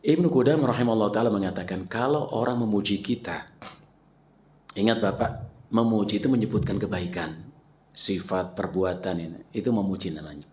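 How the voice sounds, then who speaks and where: A man preaching a mosque lecture, animated and rhetorical, turning often to his listeners with questions. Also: on the low side, a little fast. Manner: animated, rhetorical questions, addresses the congregation directly.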